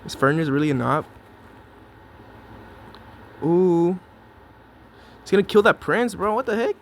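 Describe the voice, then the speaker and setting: A man's voice: high voice, expressive, unhurried. A young man giving casual, jokey commentary on his own match, talking to himself and to his opponent. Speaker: gameplay commentator. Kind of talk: live gameplay commentary.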